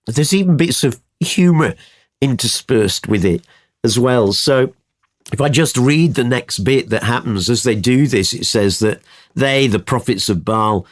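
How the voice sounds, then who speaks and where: A man teaching from the Bible in conversation, telling the story with energy and acting out the quotes. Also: mid-range voice. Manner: animated storytelling, acts out quotes.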